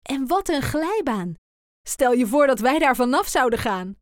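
A woman doing an excitable little girl. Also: high voice, measured pace, no room sound, studio quality, voice pushed up. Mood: excited. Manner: excited, giggly. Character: chatty young girl, twin, excitable.

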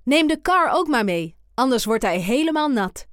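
A woman's voice: sits high, sing-song, normal speed, dry recording, clean studio sound, pitched above the performer's own voice. A woman reading a children's story voices a friendly male schoolteacher who speaks in a kindly, encouraging way.

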